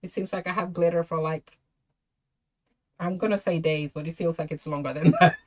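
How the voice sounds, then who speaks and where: A woman's voice: on the low side, fairly even intonation, moderate pace, a little mellow, lo-fi sound. A woman hosting a craft tutorial, chatting casually with viewers by name and laughing often. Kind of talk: casual livestream crafting chat.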